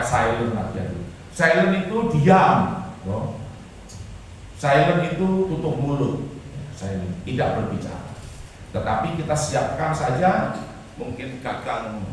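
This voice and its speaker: A middle-aged male pastor, preaching emphatically, his voice swinging between loud and soft. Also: medium pitch. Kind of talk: sermon. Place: church hall. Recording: very echoey hall, voice from far off, faint noise.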